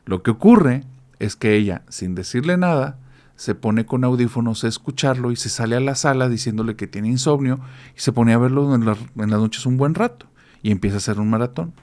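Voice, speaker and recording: A man's voice: mid-range voice, animated, brisk, darkish tone. A man with a Mexican accent, a podcast guest casually recounting listeners' horror stories, rambling with restarts. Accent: Mexican Spanish. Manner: rambling, with frequent restarts and acted quotes.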